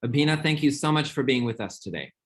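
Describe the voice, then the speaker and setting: A man's voice: medium pitch, animated, fast talker. A man acting as moderator, formally introducing guests and putting questions to them in a panel discussion.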